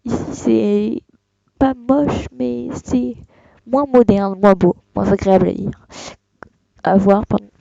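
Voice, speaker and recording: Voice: mid-range voice, level tone, takes it slowly, vocal fry, warm tone, dry recording, highs cut off. A young speaker giving a casual screen-recorded tutorial, hesitant and full of fillers. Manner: hesitant, many fillers and restarts. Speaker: tutorial host.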